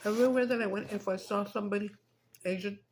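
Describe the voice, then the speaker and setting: A woman's voice: mid-range voice, steady tone, fast, darkish tone, a little hiss or hum. A middle-aged woman, chatting loosely while eating on camera, swearing and slipping into Spanish. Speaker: mukbang streamer. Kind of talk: casual chat while eating.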